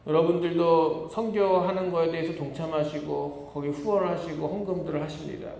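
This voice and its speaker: A man's voice: on the high side, fairly even intonation, brisk, creaky, warm tone. A male pastor preaching a sermon, telling the story with animation and acting out the complaints of the people in it. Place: church sanctuary. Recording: echoey church hall reverb.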